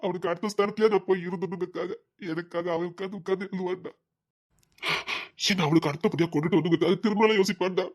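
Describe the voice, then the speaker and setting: A man's voice: high voice, fairly even intonation, fast talker. An actor with a Tirunelveli Tamil accent playing a young man who grieves his lost mother and confides earnestly in a close friend. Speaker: actor in a village web drama. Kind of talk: dramatic dialogue.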